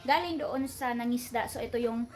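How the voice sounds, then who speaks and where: Young filipina vlogger rambling to her viewers, kinda high voice, lots of noise behind. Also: moderate pace. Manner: chatty, addresses viewers as friends, many fillers. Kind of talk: casual family vlog.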